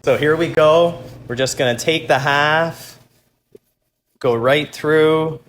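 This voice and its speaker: A man's voice: fairly high pitch, takes it slowly, fairly bright tone. Man hosting a cooking show, noisy background. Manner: informal, talks through each step as he works. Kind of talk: casual cooking demonstration to viewers. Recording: clear background noise while cooking.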